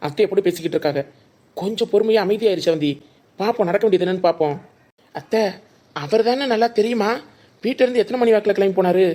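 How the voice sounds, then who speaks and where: A woman voicing a calm young village man in a cartoon, with a southern Tamil village accent, coaxing and placating the family. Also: mid-range voice, fast, long pauses, close to an everyday voice. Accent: southern Tamil Nadu village Tamil. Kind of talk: cartoon voice acting.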